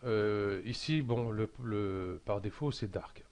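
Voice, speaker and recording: Hesitant low-voiced Frenchman explaining software. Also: slow. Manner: hesitant, many fillers and restarts. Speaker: software tutorial maker. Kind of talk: casual screen-recorded software tutorial.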